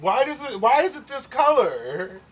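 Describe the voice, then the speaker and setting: A man's voice: very high-pitched, very animated, normal speed, recorded from a distance, slight background noise. A man with a sassy, campy drag queen delivery, drawing out words as he co-hosts a casual comedic science demo.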